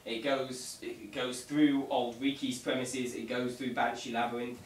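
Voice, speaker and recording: A man's voice: mid-range voice, flat delivery, unhurried. A man giving an informal briefing to a group as a tour guide, with a wry, dryly humorous and slightly mock-formal manner. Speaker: ghost tour guide leading a vigil. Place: indoors in an echoey room. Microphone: camera mic at a distance. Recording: echoey room, distant mic, faint noise.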